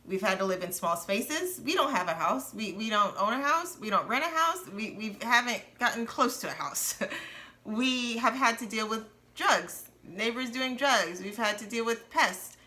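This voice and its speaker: Bright earnest woman in casual chat. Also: fairly high pitch, lively intonation, moderate pace. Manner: earnest, candid, laughs nervously at times. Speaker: co-host of a personal finance channel. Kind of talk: casual conversation.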